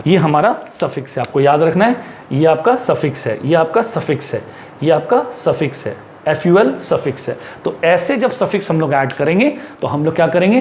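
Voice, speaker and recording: A man teaching English spelling rules in a classroom-style lesson, reading the English rules slowly and drawn out, then explaining quickly in Hindi. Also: a little high, a little mellow. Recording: echoey room with faint background noise.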